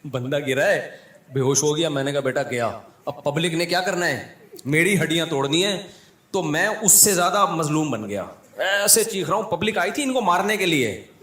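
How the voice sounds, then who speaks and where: A man with a Pakistani Urdu accent, a religious scholar telling humorous anecdotes in a lively way and acting out the people in them. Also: a little high, normal speed, echoey room. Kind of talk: humorous storytelling talk.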